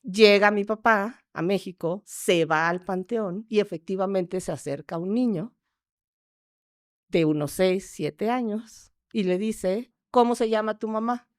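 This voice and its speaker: A woman with a Mexican accent tells a story as a podcast guest, in a lively, chatty way. She acts out the relatives she quotes. Her voice is smooth and clear, at a middle pitch. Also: slow pace. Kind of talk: casual storytelling in a podcast interview.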